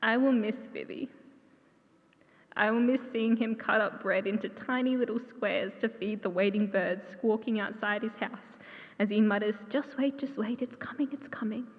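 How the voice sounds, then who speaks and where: A woman giving a memorial tribute in a church, telling warm stories with gentle humor. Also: mid-range voice. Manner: heartfelt, gently humorous storytelling. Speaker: eulogy speaker. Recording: tinny, echoey church hall.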